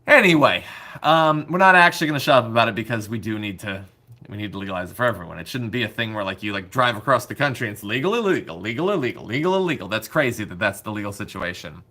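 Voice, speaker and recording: A man's voice: lowish voice, quick pace, sharp tone. A man hosting a political show with casual, opinionated commentary, sarcastic and exasperated, swearing freely.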